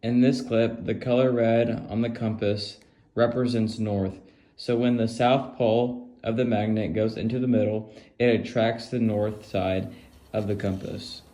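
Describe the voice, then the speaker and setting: A man presenting a science show as its host, with a bright, upbeat, curious manner. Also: fairly low pitch, steady tone, unhurried.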